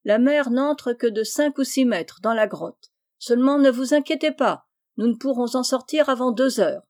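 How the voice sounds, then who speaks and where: A woman's voice: medium pitch, flat delivery, normal speed, warm tone, lightly acted. A woman reading aloud, voicing a timid young man who courts a married woman. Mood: feigned dismay. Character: timid young male suitor.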